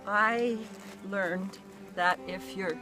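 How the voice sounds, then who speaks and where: Older woman hiker, slow and grateful, music in the background. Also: mid-range voice, steady tone. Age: 60s. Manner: slow, warm, appreciative. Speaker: hiking companion being interviewed. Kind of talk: casual on-camera chat. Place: outdoors on a mountain trail.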